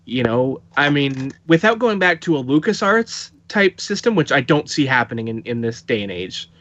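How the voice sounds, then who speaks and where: A man's voice: mid-range voice, a bit bright, no room sound. A man arguing his opinions in a casual podcast chat, with lots of "you know" fillers. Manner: emphatic, opinionated, many fillers. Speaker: podcast guest. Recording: dull, lo-fi, dry sound.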